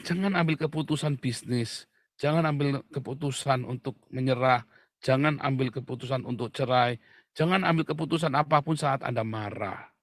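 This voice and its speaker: A middle-aged man preaching a casual, joking sermon, dropping to low murmurs and then shouting out loud. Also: moderate pace, no room sound, clean studio sound. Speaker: pastor.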